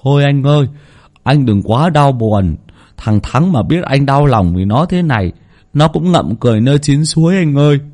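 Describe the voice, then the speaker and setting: A man's voice: mid-range voice, lively intonation, normal speed, darkish tone, pitched above the performer's own voice, close to an everyday voice. A man voicing a sly young sidekick thief who pretends to console his boss in a horror audiobook, mock-soothing. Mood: mock consoling.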